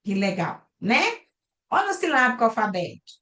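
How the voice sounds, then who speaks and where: A Brazilian Portuguese lecturer, recorded via computer mic on a video call, guides her online class step by step and keeps checking in, often ending with "tá?" and "né?". She speaks at normal speed in a fairly high, fairly bright voice with big pitch swings.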